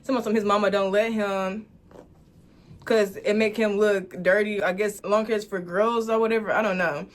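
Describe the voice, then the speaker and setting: A woman in her twenties telling a story to camera, animated and laughing as she talks straight to viewers. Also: medium pitch, moderate pace. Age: 20s.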